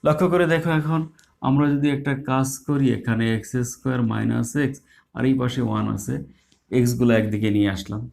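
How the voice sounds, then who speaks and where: Gravelly-voiced man teaching math. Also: medium pitch, fairly quick, a little mellow. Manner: patient, explains step by step with hesitations. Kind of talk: live online math lesson.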